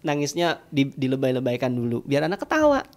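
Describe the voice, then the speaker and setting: A man's voice: mid-range voice, very animated, brisk. A man who is a children's storyteller, explaining in a podcast conversation. He talks animatedly and uses sound effects.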